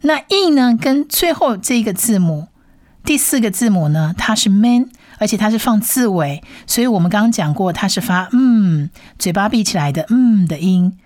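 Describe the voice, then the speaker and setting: A woman teaching a language lesson who patiently repeats each sound slowly several times. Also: mid-range voice, lively intonation, darkish tone, no echo, studio quality.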